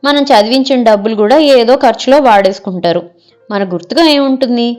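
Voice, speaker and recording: A woman's voice: on the high side, a little fast, darkish tone, soft background music, close to an everyday voice. A woman reading the part of a picky middle-aged wife in an audio story, scolding and rejecting every suggestion.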